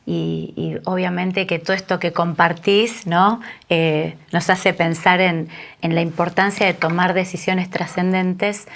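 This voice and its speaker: A woman with an Argentine Spanish accent, interviewing her guest in a calm, affirming way. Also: on the low side, a little slow.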